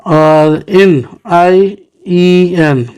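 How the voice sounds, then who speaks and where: A man from Pakistan, his voice sitting high with drawn-out words, a slightly mellow quality, and a clear, resonant tone. In a recorded English lesson for children, he patiently sounds out words syllable by syllable, mixing English terms into his Hindi-Urdu explanation.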